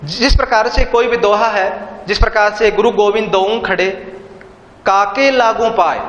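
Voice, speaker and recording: Guy teaching a lesson, kinda high voice, lo-fi sound, echoey roomy. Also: fairly bright tone. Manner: explains slowly, repeats terms with synonyms. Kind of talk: online Hindi literature lecture. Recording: echoey room, dull lo-fi sound.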